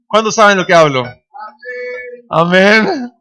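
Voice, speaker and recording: A man in his thirties preaching a sermon in church, telling family stories, acting out the voices of the people in them and shouting at the high points. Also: expressive, takes it slowly, soft background music. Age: 30s. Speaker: pastor. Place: church sanctuary.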